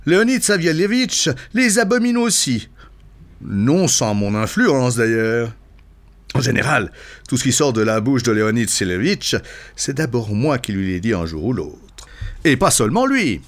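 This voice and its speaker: A man reading short absurdist stories aloud with expressive, lively storytelling. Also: mid-range voice, normal speed. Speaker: reader.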